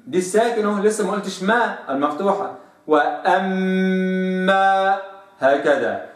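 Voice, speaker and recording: A man with an Egyptian accent teaching recitation, who explains each point and then drawls out sample sounds slowly in a lower voice. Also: distant mic. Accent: Egyptian Arabic. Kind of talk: tajweed lesson. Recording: echoey room, voice off-mic.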